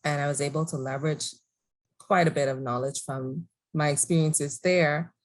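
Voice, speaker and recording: A woman from the Bahamas, answering interview questions in a measured, thoughtful way and laughing easily. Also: deep voice, steady tone. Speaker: guest entrepreneur. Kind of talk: conversational interview.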